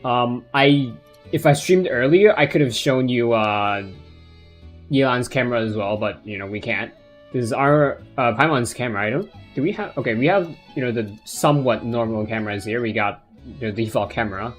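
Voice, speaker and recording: A man's voice: mid-range voice, normal speed. A man doing casual live game commentary as a streamer, rambling and hesitant in an offhand way. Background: plucked guitar game music.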